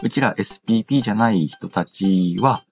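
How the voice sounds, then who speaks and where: Hosting a laid-back, radio-style show, a man with a fairly low, slightly breathy voice reads listener letters aloud at a brisk clip. He fires back playful quips at what he reads.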